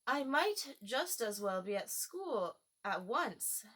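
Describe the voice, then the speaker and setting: A woman's voice: fairly high pitch, big pitch swings, slow pace, a bit bright, husky, exaggerated voice. A woman voicing a timid, polite young girl in a storybook, earnest and easily puzzled.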